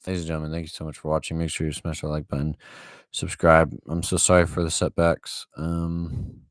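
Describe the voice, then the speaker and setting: A man's voice: very deep voice, completely flat delivery, a little fast, no room sound, studio quality. A young man commentating his own online chess games, swinging between panic and self-hype with self-deprecating jokes. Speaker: chess streamer.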